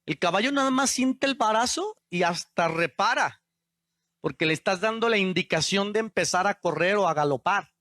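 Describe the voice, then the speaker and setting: A man's voice: high voice, lively intonation, normal speed, sharp tone, no room sound, clean studio sound. A male pastor preaching a sermon and asking the congregation questions. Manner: asks the congregation questions, call-and-response.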